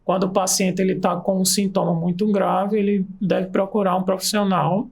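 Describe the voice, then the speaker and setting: A guest who practices aromatherapy and also nurses shares his story with enthusiasm in a relaxed interview, his pace varying. He speaks at normal speed in a high, creaky voice with an even tone.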